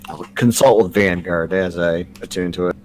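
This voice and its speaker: A man's voice: low-pitched, moderate pace, a little mellow, slight background noise. A man chatting casually as a player in a tabletop game.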